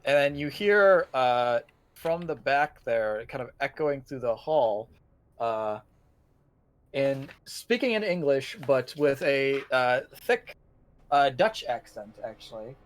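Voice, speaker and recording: A man's voice: mid-range voice, expressive, slow. Casual man running a tabletop game. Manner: casual, chuckling, many fillers. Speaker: game master.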